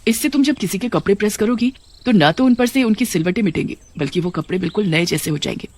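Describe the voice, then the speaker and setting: A woman voicing a calm, regal queen of witches in a cartoon horror story, who speaks graciously and grants favours. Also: mid-range voice, quick pace, natural voice.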